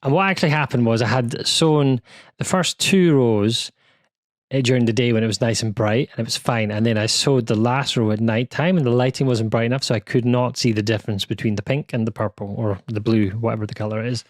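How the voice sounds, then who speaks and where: A man's voice: medium pitch, fairly even intonation, brisk, no room sound, studio quality. A man from the UK with a British accent, chatting casually and self-deprecatingly as host of a quilting channel. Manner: chatty and self-deprecating, with many asides and restarts. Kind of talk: casual chat. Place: home sewing room.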